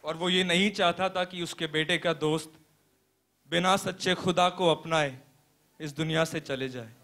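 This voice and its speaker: Young guy acting as an earnest pastor preaching a parable in a stage play, high voice, slow and deliberate. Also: fairly even intonation, pushed and bright, a little hiss or hum. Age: young adult. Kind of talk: sermon storytelling in a stage play.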